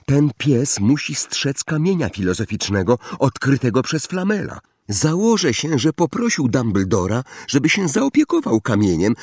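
A man's voice: mid-range voice, breathy edge, dry recording, clean studio sound, pitched above the performer's own voice. A man voicing an eager, bookish schoolgirl who talks in breathless, insistent bursts and dramatic whispers.

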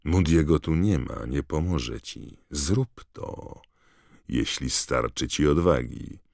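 A man's voice: slow pace, vocal fry, a little mellow, no echo, studio quality, full character voice. A man doing a sneering schoolboy bully. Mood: quiet menace. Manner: mocking, taunting, shrill.

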